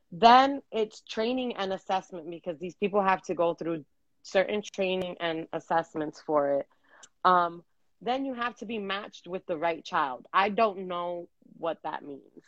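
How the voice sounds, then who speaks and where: A woman's voice: fairly low pitch, dry recording, lo-fi sound. Earnest woman rambling over a video call. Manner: earnest, rambling with many fillers and restarts. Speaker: podcast co-host.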